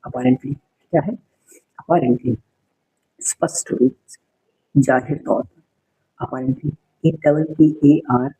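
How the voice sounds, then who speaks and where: Gravelly-voiced man teaching spelling. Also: fairly high pitch, dark tone, muffled recording. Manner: repeats each word and spells it letter by letter; addresses viewers directly, explaining meanings. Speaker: exam prep teacher. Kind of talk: spelling lesson, spelling words out.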